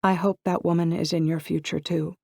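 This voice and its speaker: Male reader doing a clipped, blunt seventeen-year-old siren girl, brighter and higher, in a dry audiobook read. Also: little pitch movement, a little fast, creaky, no echo. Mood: guarded. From Canada. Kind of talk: audiobook character voice.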